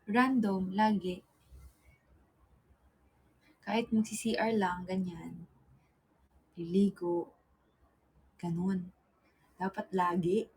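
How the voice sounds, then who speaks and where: A woman's voice: mid-range voice, fairly even intonation, very slow, pauses often, a little mellow, slightly rough. A woman in a casual livestream chat, telling stories to her viewers, calling them guys and laughing often into her phone camera.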